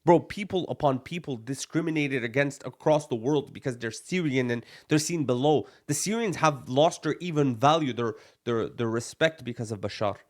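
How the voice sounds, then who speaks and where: This young Palestinian podcast co-host speaks at medium pitch and normal speed, with few pauses. He argues bluntly and emphatically in a heated exchange, using "bro" and Arabic phrases along the way.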